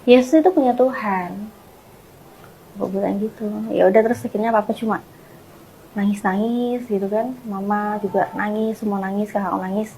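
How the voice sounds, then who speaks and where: A woman being interviewed, earnestly retelling a personal story in casual chat, often trailing off softly at the ends of phrases. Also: mid-range voice, little pitch movement, brisk, a little hiss or hum, rough recording. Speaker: guest sharing her conversion story.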